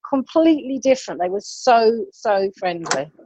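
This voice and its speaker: A woman's voice: fairly high pitch, very animated, moderate pace, warm tone, husky, no echo. A woman from England, chatting casually on a podcast and acting out the people she quotes. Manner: chatty storyteller, acts out quoted voices. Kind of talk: casual chat.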